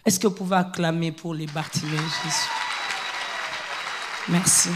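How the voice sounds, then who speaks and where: A woman preacher giving a fervent sermon in church, moving between low, hushed stretches and loud, repeated calls to her congregation. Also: fairly even intonation, unhurried, over a noisy crowd, heavy background noise. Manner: fervent, repetitive, shouting exhortations.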